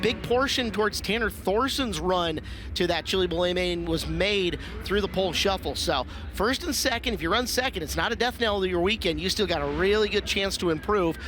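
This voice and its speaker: A man's voice: high voice, a bit bright, a little hiss or hum. A man giving broadcast race commentary, rattling off the starting lineup. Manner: brisk lineup rundown.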